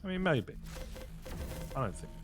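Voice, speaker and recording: A man's voice: medium pitch, a little slow, over music. A man casting a live esports match, joking and swearing in loose banter with his co-caster. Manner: jokey, swearing, lively banter. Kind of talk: live game commentary.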